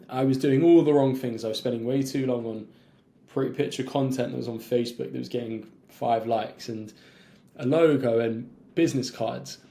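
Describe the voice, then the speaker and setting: A young man from London, an entrepreneur guest on a podcast, telling his story in a fluent, conversational way and now and then clearing his throat. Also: medium pitch, warm tone. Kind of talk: casual interview chat.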